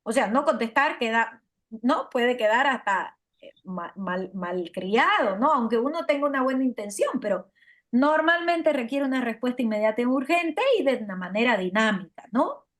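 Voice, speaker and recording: Lively woman teaching, checking in often. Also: on the high side, normal speed. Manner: lively, asks "¿verdad o no?" and "¿sí?" to check understanding. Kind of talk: classroom lecture.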